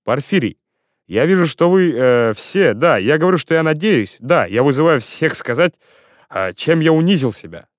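A man's voice: fairly high pitch, expressive, moderate pace, no echo, studio quality, voice pushed up, close to an everyday voice. A man reading aloud, voicing a drunk, self-pitying elderly general who rambles and pleads. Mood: tearful.

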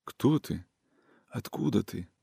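A man reading a storybook plays a feverish, lovesick young man who talks in a faint, halting, near-whispered way. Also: lowish voice, animated, gravelly, mellow, breathy edge, no room sound, clean studio sound, exaggerated voice.

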